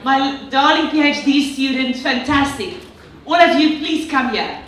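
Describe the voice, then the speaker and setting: A woman's voice: high voice, animated, measured pace, fairly bright tone. A woman hosting a live event, addressing the audience in a polished, enthusiastic presenter's manner. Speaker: event host. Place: large echoey indoor venue. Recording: very echoey hall, far from mic.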